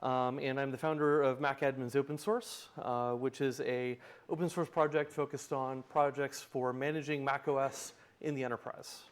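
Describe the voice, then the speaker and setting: A man's voice: medium pitch, fairly even intonation, normal speed, hardly any pauses. A man presenting a live demo in a tech lightning talk, with wry, self-deprecating humor. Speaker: tech conference speaker, open source project founder.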